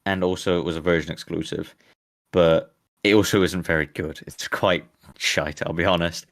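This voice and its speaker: Low-voiced man chatting casually. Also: steady tone, moderate pace. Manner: rambling, self-correcting, laughs easily. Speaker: streamer host. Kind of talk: casual chat.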